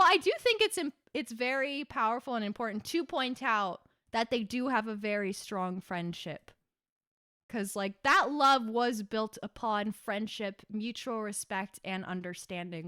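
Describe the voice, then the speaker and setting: A woman's voice: fairly high pitch, a bit bright, no echo, studio quality. A woman streamer chatting on a live stream, gushing and giggling often as she talks to her chat. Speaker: VTuber streamer.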